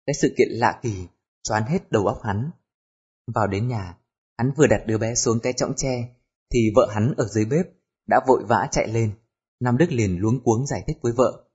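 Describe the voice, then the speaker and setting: A man narrating an audiobook in a steady storytelling voice. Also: mid-range voice, normal speed, husky. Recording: dull lo-fi recording with music.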